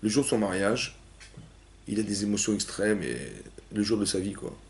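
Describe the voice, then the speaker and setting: Speaking on the low side at a moderate pace, a man leads a lively Torah class for young women in a synagogue hall. He's animated, asks questions, and acts out cries and quotes.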